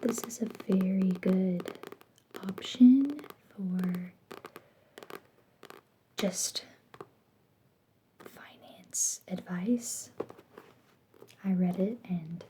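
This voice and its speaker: Woman's soft library whisper, whispered role-play. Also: mid-range voice, slight background noise, rough recording. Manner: gentle, unhurried, polite. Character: soft-spoken, helpful female library clerk.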